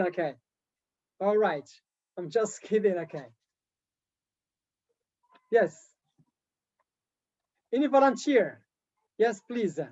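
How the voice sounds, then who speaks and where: A man with an extremely high-pitched, darkish voice leads a live online teacher-training session as a TESOL trainer. He lectures encouragingly and keeps repeating his key points, though the audio sounds dull.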